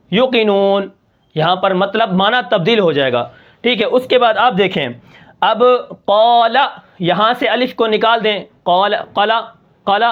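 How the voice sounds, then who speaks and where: A man teaching Quran recitation rules, asking and answering his own questions, reciting example words slowly and drawn out. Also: sits high, dull audio. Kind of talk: tajweed lesson.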